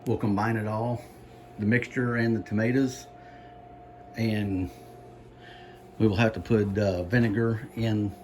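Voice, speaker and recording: Halting, low-voiced man giving a casual cooking demo. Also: steady tone, darkish tone, a little hiss or hum. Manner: halting, unhurried, folksy explaining. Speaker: home cook presenting a recipe.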